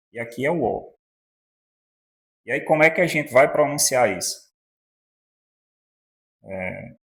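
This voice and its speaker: A man whose first language is Portuguese talks through Russian letters and sounds one by one. He takes his time, with a rough, gravelly texture in the voice. His delivery is patient and explanatory, often pausing to check understanding. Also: medium pitch. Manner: slow and patient, with frequent "né?" checks. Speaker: language teacher.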